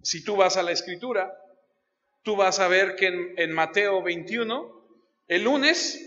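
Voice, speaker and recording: Male pastor, sermon; high bright voice, storyteller who quizzes the congregation; dull lo-fi sound in a long-reverb church hall. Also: unhurried. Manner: storytelling, addresses listeners directly with questions.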